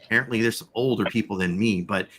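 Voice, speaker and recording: Crowd noise surrounds a man in his forties speaking fast in a fairly low voice. He has chronic back pain and rambles through casual conversation, full of fillers and the odd curse word.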